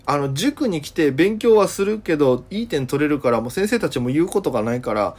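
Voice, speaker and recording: A man's voice: on the high side, lively intonation, a little fast, darkish tone, breathy edge. Rambling man telling a casual story. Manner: rambling, full of fillers and self-corrections. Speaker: podcast host. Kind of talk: casual solo storytelling talk.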